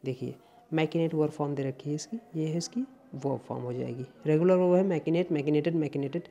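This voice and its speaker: A man's voice: on the high side, fast talker, creaky, mellow, muffled recording. A man teaching vocabulary, explaining patiently and repeating each word to drill its pronunciation.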